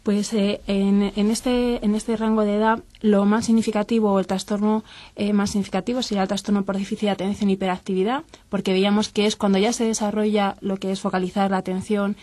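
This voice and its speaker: A woman guest expert on a talk program, explaining child development calmly with everyday examples, acting out little parent-child exchanges. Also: mid-range voice, a little fast, no echo.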